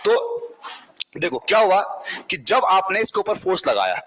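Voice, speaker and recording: Man, exam-prep teacher, husky voice, high pitch, keeps asking the class questions. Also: sing-song, a little slow, fairly bright tone. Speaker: civil engineering teacher.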